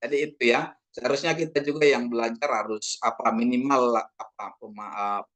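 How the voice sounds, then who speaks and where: A man from Indonesia teaching a casual Greek language lesson, slowly drawing out words for learners and addressing them politely, with many fillers. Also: mid-range voice, fairly even intonation. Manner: drawn-out repetition of words, frequent fillers; addresses listeners as ladies and gentlemen.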